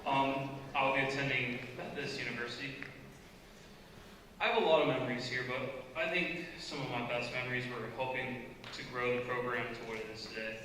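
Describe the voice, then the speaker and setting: A man's voice: medium pitch, flat delivery, fairly quick, sharp tone. Teen guy saying goodbye to the team, easygoing, echoey hall with long reverb. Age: late teens. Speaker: student athlete. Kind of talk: short farewell speech. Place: school hall. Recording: echoey hall, voice from far off, noisy.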